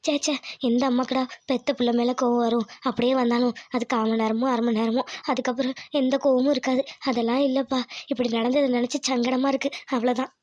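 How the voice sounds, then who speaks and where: A woman voicing a gentle older village mother-in-law who speaks softly and tenderly to her son. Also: on the high side, level tone, brisk, dry recording, pitched below the performer's own voice, lightly acted. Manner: soft, tender, reassuring.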